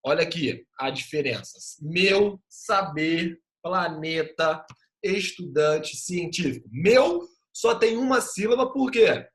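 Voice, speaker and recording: A man's voice: high voice, expressive. A male teacher giving an online class over a video call, patiently sounding out letters and syllables. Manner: patient, drawn-out spelling of sounds.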